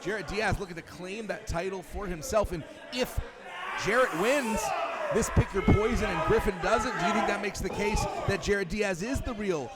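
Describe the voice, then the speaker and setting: A man's voice: high voice, moderate pace, over a noisy crowd. A man calling live wrestling as a commentator, with a dramatic, wordy delivery. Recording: loud background noise at live event.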